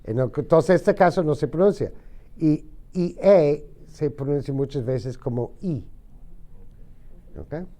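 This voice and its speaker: A middle-aged male teacher drills vocabulary in a classroom, taking his time over every word. His voice sits a little high for a man but sounds soft and mellow, and he leads patient call-and-repeat practice. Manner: slow, patient, repeats words for students to echo. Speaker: ESL teacher.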